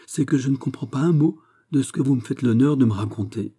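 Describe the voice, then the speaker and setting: A man's voice: medium pitch, fast, dark tone, pitched above the performer's own voice, lightly acted. A man reading an audiobook, voicing a deferential young courtier who feigns innocence. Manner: deferential, falsely innocent, polite. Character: evasive young male courtier, feigned naivety.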